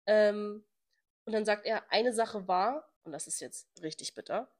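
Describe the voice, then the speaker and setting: A young woman co-hosting a podcast, telling a story in a lively, animated way, reading text messages aloud and swearing freely. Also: mid-range voice, unhurried. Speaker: podcast co-host. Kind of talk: casual chat.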